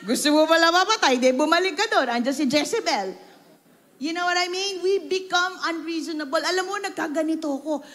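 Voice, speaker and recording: A woman's voice: very high voice, moderate pace, a bit bright. A woman pastor preaching a sermon that mixes English and Filipino, with emphatic delivery and rhetorical questions to the congregation. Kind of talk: Taglish sermon. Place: large church hall. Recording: long hall reverb.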